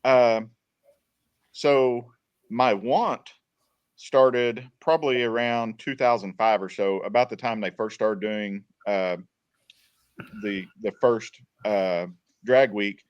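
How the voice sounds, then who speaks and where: A man's voice: on the low side, fairly even intonation, takes it slowly, clean tone, dry recording, muffled recording. A man guest on a podcast, telling long casual stories, repeating words and retelling what people said. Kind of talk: casual storytelling.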